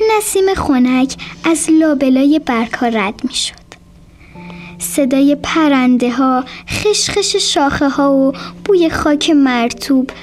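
A woman narrating a children's bedtime story gently and softly, sometimes slipping into a whisper. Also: sits high. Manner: gentle, soft, often drops to a whisper. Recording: faint music behind.

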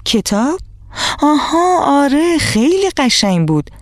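A woman's voice: high voice, very animated, dry recording, clean studio sound, voice pushed up. A woman voicing a careless, easygoing young schoolgirl who makes excuses. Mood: breezy. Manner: defensive, quick to make excuses.

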